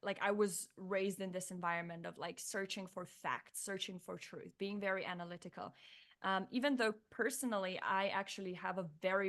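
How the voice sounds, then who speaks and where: A woman in her thirties from Slovenia, a Slovenian native speaker, guest on an interview, talking in a reflective, animated way with many restarts. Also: lowish voice. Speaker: guest, neuroscientist turned coach. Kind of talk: casual interview chat.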